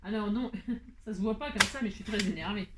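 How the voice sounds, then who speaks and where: A woman's voice: mid-range voice, fairly quick, very noisy. A woman hosting a casual card-making tutorial, chatting and joking as she works, with lots of "hein" asides and mock exasperation. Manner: theatrical self-mocking exasperation. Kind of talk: casual crafting tutorial chat.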